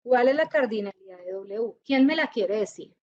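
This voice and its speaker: A woman teaching a university class, lively and often checking whether her students follow. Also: on the high side, moderate pace, no echo, lo-fi sound. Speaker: university lecturer. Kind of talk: classroom lecture.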